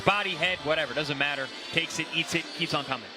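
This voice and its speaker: A man's voice: fairly high pitch, fast talker, over music. A man giving conversational, emphatic boxing analysis, repeating phrases for stress. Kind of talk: conversational sports commentary.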